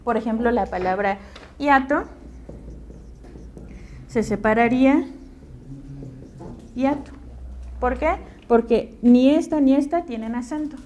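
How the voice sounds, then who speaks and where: A woman's voice: on the high side, slow pace, pauses often, darkish tone, muffled recording, slight background noise. A woman teacher with a Mexican Spanish accent lecturing a class in a classroom, patient and checking understanding with questions.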